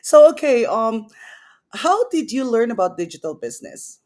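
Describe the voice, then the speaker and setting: A woman's voice: on the high side, sing-song, moderate pace, darkish tone. A woman hosting an online interview show, talking in an enthusiastic, effusive way. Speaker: host.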